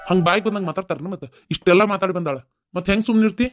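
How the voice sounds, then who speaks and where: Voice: medium pitch, very fast, soft background music, lightly acted. A performer voicing a worried, complaining older father-in-law in a comic cartoon, with a North Karnataka accent. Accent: North Karnataka Kannada. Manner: fretting, complaining.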